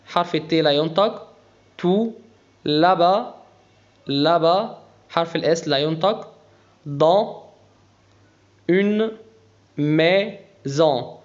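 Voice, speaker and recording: Slow Egyptian man teaching step by step. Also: a little high, lo-fi sound. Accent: Egyptian Arabic. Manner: slow, spells out pronunciation letter by letter. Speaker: French teacher. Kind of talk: beginner language lesson.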